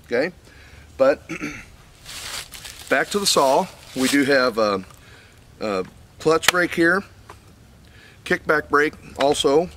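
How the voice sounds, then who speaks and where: A man's voice: mid-range voice, fairly bright tone. Older man, folksy how-to talk, mid-range voice, outdoors, faint background noise. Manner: plain folksy explaining with fillers and repeats. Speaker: channel host reviewing a chainsaw. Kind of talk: casual how-to demonstration. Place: outdoors in a wooded lot.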